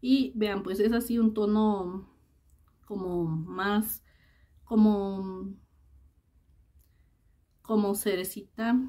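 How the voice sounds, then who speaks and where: A young adult woman with a mid-pitched voice hosts a casual beauty review vlog, addressing her viewers directly. She talks in a relaxed, chatty way, with plenty of fillers and affectionate diminutives. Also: very slow, long pauses. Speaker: beauty vlogger.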